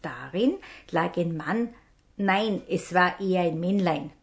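Slow dramatic woman storyteller. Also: on the low side, animated. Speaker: herb show host telling a fairy tale. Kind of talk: storytelling narration.

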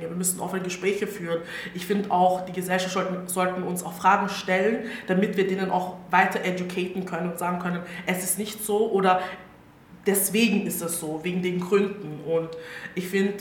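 A woman from Styria, Austria, with an Austrian accent and fairly low pitch, speaks as a panelist and social media activist, giving informal opinions in German with casual English words mixed in. She is at an indoor public event venue, with roomy echo and clear background noise.

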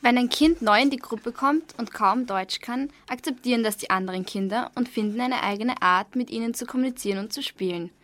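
A woman's voice: fairly high pitch, brisk, few pauses, a bit bright, no room sound. Young woman reading prepared answers. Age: young adult. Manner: reads prepared answers, careful. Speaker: trainee kindergarten teacher, guest. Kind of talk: scripted radio interview.

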